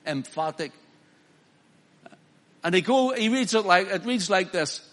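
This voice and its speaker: A male preacher, delivering a sermon, swinging from loud emphatic declaiming to quiet pleading. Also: high-pitched, lively intonation, a little slow.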